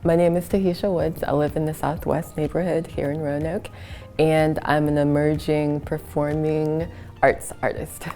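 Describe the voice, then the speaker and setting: Relaxed woman from South Florida, low voice. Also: moderate pace, soft background music. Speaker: performing artist. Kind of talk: interview.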